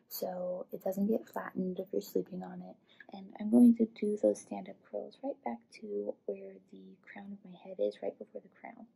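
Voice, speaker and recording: A woman in her twenties from Illinois in the American Midwest chats casually while giving a vintage hair tutorial in a small room, dropping into low, whispery asides. Her voice has vocal fry and a breathy edge, and the audio is quiet and low quality.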